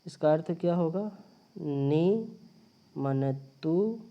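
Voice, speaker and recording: A man speaks slowly in a steady, mid-range voice, and the recording has its highs cut off. He's teaching grammar in a recorded linguistics lecture, moving step by step and repeating himself, captured by phone or screen recorder.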